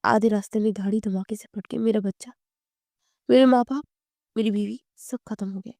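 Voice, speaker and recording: A woman voicing a grieving wealthy young man with a low, heavy, tearful murmur in a storybook romance. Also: fairly even intonation, vocal fry, warm tone, dry recording, studio quality, close to an everyday voice.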